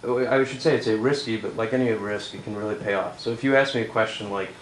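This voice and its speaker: A mid-pitched man speaks haltingly on a conference panel, often mocking himself. The room around him is echoey, with faint noise in the background. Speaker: panelist and writing teacher.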